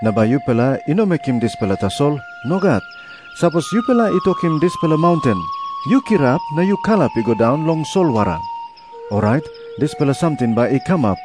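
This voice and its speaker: Animated Papua New Guinean Jesus. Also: male voice, on the high side, a little fast, music in the background. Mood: earnest teaching. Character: Jesus, an authoritative male teacher and preacher. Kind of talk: scripted audio Bible drama.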